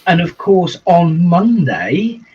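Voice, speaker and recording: A man with a high, very animated voice co-hosts a livestream in the role of a reverend, chatting casually, chuckling often and drawing out his phrases in an easygoing way. A crowd can be heard behind him, and the video-call audio is dull and lo-fi.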